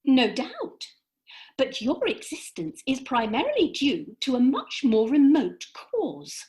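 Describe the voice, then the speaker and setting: A woman lends her high, slightly mellow voice to a lofty fairy in a comic radio play, exaggerating it with big dramatic pitch swings. Lecturing from on high, she speaks in crisp, precise, theatrical phrases.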